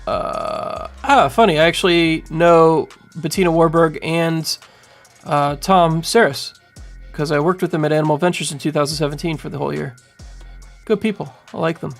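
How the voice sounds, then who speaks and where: A man in his thirties doing casual livestream commentary from home on a boom mic, rambling and animated, full of fillers. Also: moderate pace, vocal fry, soft background music. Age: 30s. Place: home room. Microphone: studio mic on boom arm.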